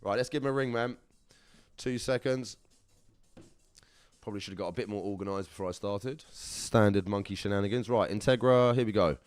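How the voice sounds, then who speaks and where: A young man runs a live online prize draw, chatty and upbeat as he talks straight to his viewers. His voice is smooth and resonant, and it sounds close and dry with no room around it. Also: lowish voice, brisk, no room sound. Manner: chatty and upbeat, calls viewers lovelies and brother. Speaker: live competition draw host. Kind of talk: casual livestream chat.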